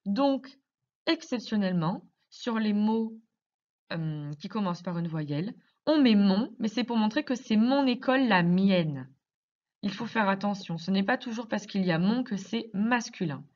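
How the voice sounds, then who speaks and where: A woman teacher explaining grammar to young children in slow, careful speech, asking many questions. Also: medium pitch, animated, darkish tone, lo-fi sound. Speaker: primary school teacher.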